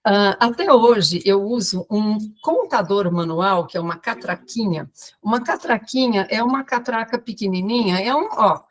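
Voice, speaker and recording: Uma fonoaudióloga brasileira de uns setenta anos, contando casos numa entrevista de forma animada e encenando as falas dos outros. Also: female voice, medium pitch, normal speed. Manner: lively storyteller, acts out quoted voices. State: tired from talking all day. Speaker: guest speech therapist. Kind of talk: storytelling in a podcast interview.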